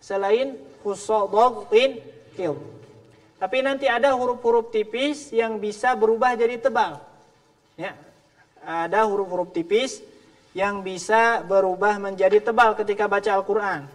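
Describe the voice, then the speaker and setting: Man, Sundanese accent, Quran teacher, slow patient drilling, long mosque-hall reverb. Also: high-pitched, fairly even intonation. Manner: patient, drills letter sounds, asks students to repeat. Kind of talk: tajwid class with drills.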